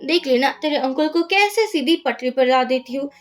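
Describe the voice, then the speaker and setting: A brash, scheming young heroine with a cheeky, boastful swagger, as a woman narrating a drama recap puts her on. The voice sits high and bright. Faint music plays underneath. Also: expressive, moderate pace.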